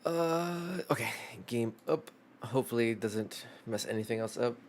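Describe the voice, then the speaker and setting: A man's voice: mid-range voice, expressive, normal speed, a little hiss or hum. A young man streaming live, chatting casually in a rambling, profane way full of fillers.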